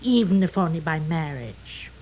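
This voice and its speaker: A woman's voice: low-pitched, expressive, moderate pace, darkish tone, lo-fi sound. An actress playing a meddling, self-pitying older mother-in-law with melodramatic, wheedling manner and inverted phrasing in an old radio drama. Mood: wheedling, sardonic.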